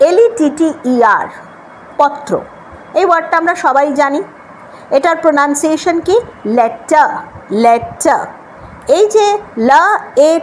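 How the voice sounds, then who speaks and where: Woman, Bengali accent, high voice, patient classroom pronunciation teacher who spells words out and drills them, faint room hiss. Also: poor audio. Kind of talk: classroom lesson at a board. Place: classroom with a board.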